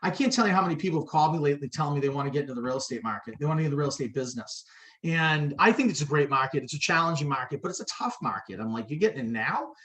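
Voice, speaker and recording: A man hosting a real estate training call, talking in a casual, energetic way. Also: on the high side. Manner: fast, energetic, conversational. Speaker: training session host.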